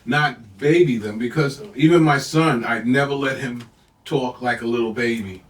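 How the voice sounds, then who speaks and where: A man's voice: mid-range voice, moderate pace. Older man telling stories in an echoey room. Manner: reflective storytelling with many "you know"s. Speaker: podcast co-host. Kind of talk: casual chat. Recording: echoey room, mic at a distance.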